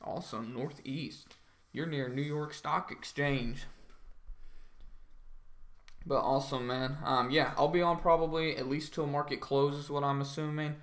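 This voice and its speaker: Casually addressing his trading stream audience, a young man with a groggy, slightly high voice speaks unhurriedly and with fairly even intonation. His talk rambles and is packed with fillers, "um" and "like" above all.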